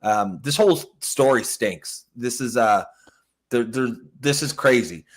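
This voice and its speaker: Man, co-host, casual political chat, blunt, swears, reads viewer comments, middle pitch. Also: a little slow. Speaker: podcast co-host.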